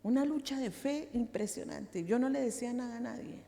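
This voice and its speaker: A woman's voice: on the high side, a little fast, gravelly, mellow. A woman pastor preaching a personal testimony sermon, telling her story dramatically with repeated phrases. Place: large church hall. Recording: reverberant church hall.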